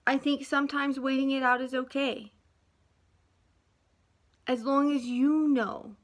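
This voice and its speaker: A woman giving a rambling, emotional monologue to her viewers from a half-unpacked house, sometimes dropping to a soft hush. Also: sits high, steady tone, measured pace.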